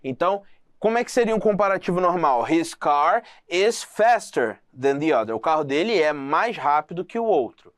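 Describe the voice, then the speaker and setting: A man teaching English grammar, reading example sentences slowly and checking in often with short questions. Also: a little high, animated, no room sound, studio quality.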